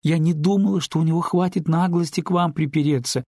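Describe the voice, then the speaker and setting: A frightened, tearful teenage girl pours out rushed apologies and pleas, as a male narrator raises his husky voice high for her. The recording is close and dry. Her words tumble out with pleading urgency. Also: a little mellow, dry recording. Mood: pleading, upset.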